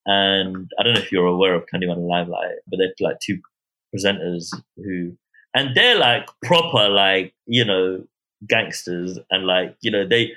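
Bright-voiced south London man, slangy storyteller. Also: sits low, normal speed, low-quality recording. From Croydon, south London, England. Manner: animated slangy storytelling with tag questions like innit and yeah. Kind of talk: casual anecdotal chat.

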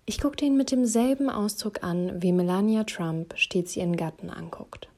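A woman's voice: mid-range voice, moderate pace, darkish tone. A woman reading a first-person story aloud in a wry, teasing way. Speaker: narrator.

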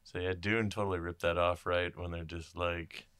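Deep-voiced joking podcast man. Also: little pitch movement, normal speed, a bit bright, clean tone, dry recording. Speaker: podcast co-host. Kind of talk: casual chat.

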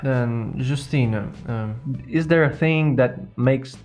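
A man hosts a radio show in casual chat. His delivery is halting and playful, at an ordinary male pitch, with faint music underneath. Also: darkish tone.

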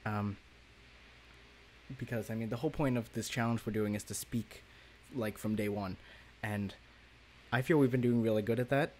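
A man's voice: on the low side, steady tone, moderate pace, pauses often, a little mellow, slight background noise. A man co-hosting a language-learning podcast, talking casually and rambling, often laughing. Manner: chatty, rambling, laughs easily. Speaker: podcast co-host. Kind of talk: casual chat.

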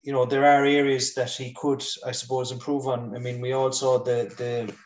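A man with a west of Ireland accent talking sport casually as a pundit, halting and thinking aloud. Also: medium pitch, level tone. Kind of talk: casual Gaelic football discussion. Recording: roomy echo, distant from mic.

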